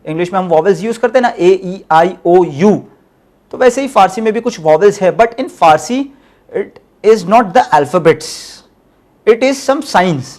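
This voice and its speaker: A man's voice: sits high, animated, unhurried, a little mellow. A man teaching Persian in a recorded lecture, explaining step by step, switching into English and repeating his key points. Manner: spells out letters one by one.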